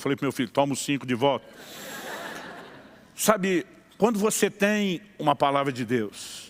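A middle-aged man preaching as a pastor, telling a story with lively acted-out dialogue and frequent laughter. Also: on the high side. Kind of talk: sermon storytelling.

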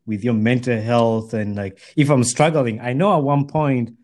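A man with an average-pitched voice speaks in a casual, heartfelt conversation. He sounds earnest, often repeating a phrase as he works toward his point. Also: fairly even intonation, moderate pace, a little mellow. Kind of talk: casual heartfelt chat between friends.

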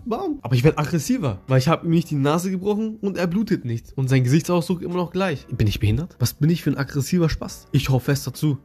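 A young man hosting a casual podcast, telling a story in a slangy, animated way with punching sound effects. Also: medium pitch, breathy edge. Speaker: podcast host.

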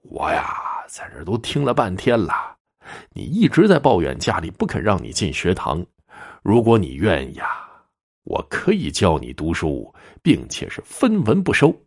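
A man voicing a young male ghost scholar who speaks softly with calm amusement. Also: sits low, normal speed, husky, heavily acted. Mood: teasing calm. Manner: soft, hushed and amused.

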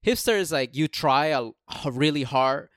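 A man's voice: on the high side, lively intonation, normal speed, dry recording, clean studio sound. A young man chatting casually like a frat bro, slangy and freely profane. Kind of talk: casual chat.

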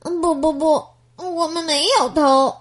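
A woman's voice: sits high, fairly even intonation, a little slow, voice pushed up. Nick, a woman doing an earnest little boy. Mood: flustered.

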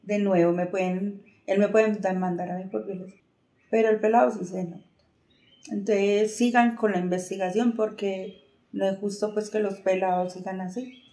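A woman's voice: mid-range voice, steady tone, normal speed, dark tone. Mother recounting in a roomy room. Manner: retells events by acting out dialogue. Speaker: mother interviewed about her son. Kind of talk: emotional testimony. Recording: roomy echo.

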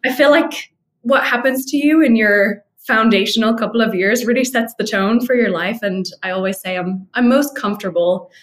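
A young Irish woman from Dublin, a guest on a video call, speaking in an articulate, measured way about her life. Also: mid-range voice. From Ireland. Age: young adult. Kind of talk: reflective interview storytelling.

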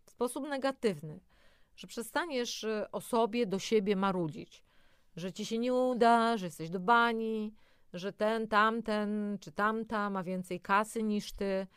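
A woman with a medium-pitched, unhurried voice gives an encouraging self-help talk straight to the listener. She partly follows a script but adds spontaneous asides. The recording is clean studio sound with no echo.

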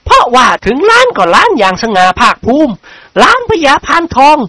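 A man voicing a genteel, teasing middle-aged noblewoman who speaks in a lively, coquettish way. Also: very high voice, normal speed, no room sound, voice pushed up, heavily acted. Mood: coy. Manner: lively, coquettish, polite particles.

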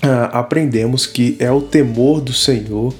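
A man teaching a Bible study series, explaining step by step and often pausing to restart. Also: medium pitch, darkish tone, soft background music. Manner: explanatory, frequent fillers and restarts.

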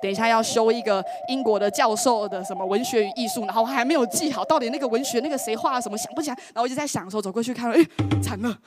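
A woman, telling a personal story in an animated, exclamatory way. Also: fairly high pitch, rapid-fire, noisy background. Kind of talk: lively storytelling. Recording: voice over loud background music. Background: background music.

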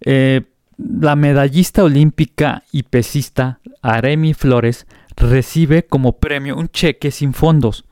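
A man's voice: mid-range voice, fairly even intonation, slow, a little mellow, dry recording, clean studio sound. A Mexican man hosting a casual comic news show, chatty and hesitant with frequent fillers.

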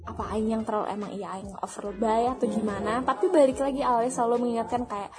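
A woman's voice: fairly high pitch, fairly even intonation, quick pace, over music. Candid young woman, tinge. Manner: candid, giggly, self-mocking. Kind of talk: casual chat.

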